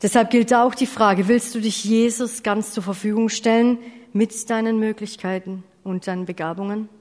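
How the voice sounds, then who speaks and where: A woman's voice: medium pitch, steady tone, moderate pace, darkish tone. A woman delivering a sermon, earnest and direct, asking her listeners questions and now and then correcting herself. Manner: self-correcting, apologizes for slips. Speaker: preacher. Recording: long hall reverb.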